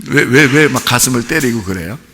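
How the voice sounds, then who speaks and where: A man's voice: mid-range voice, lively intonation, normal speed, fairly bright tone, long reverb tail. A man preaching a sermon in a conversational way, asking the congregation many rhetorical questions and acting out little quotes. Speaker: pastor. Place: church sanctuary.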